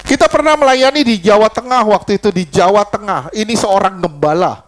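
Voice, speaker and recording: A man's voice: high-pitched, a little fast. A middle-aged man preaching an informal deliverance sermon. He tells stories and keeps firing questions at his congregation. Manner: animated, fires rhetorical questions at the congregation; switches between preaching and storytelling.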